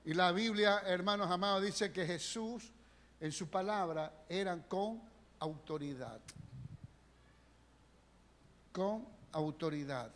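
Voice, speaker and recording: A high-pitched, fairly bright male voice preaches emphatically from a church sanctuary, firing off rhetorical questions. The live-stream recording carries a long church reverb.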